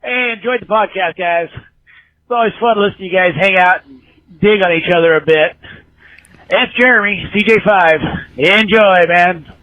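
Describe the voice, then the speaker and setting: Brief: upbeat male caller, high voice, heard as a tinny voicemail off an old answering machine tape. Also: normal speed, no room sound. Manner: casual, upbeat. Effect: voicemail played back from an old tape answering machine. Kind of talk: short friendly voice message.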